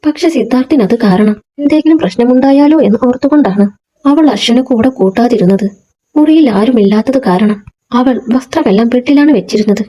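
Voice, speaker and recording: A woman reading a serialized story aloud as narrator, calm and steady. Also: on the high side, poor audio.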